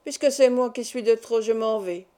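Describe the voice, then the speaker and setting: A woman voicing a spiteful old female nurse who scolds in a shrill, railing voice. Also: normal speed, mellow, lightly acted. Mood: sulky.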